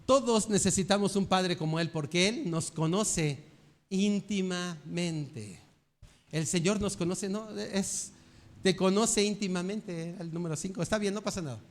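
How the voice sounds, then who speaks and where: An older pastor preaching a sermon in a fairly high voice. He talks earnestly and keeps asking his listeners rhetorical questions. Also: unhurried.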